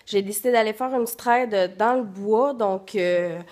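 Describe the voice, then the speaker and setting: This young woman's voice is medium-pitched and a little mellow, moving at normal speed with no echo. She is a vlogger with a Quebec French accent, out of breath and flu-congested, casually chatting with lots of fillers as she walks through snowy woods in deep cold.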